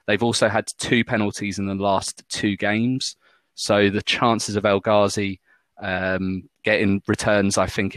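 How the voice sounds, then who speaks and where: A man with a Maltese accent talks in a casual podcast style about football. His voice sits fairly low, and the sound is dry and close. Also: a bit bright, no echo. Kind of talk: casual fantasy football chat.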